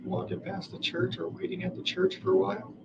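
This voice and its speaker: A gravelly-voiced man in his thirties gives short, hesitant answers in a small police interview room. He is picked up from across the room, so he sounds distant. A loud hiss sits under his dull, lo-fi voice. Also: high-pitched, big pitch swings, brisk. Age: 30s. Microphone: room camera from across the room.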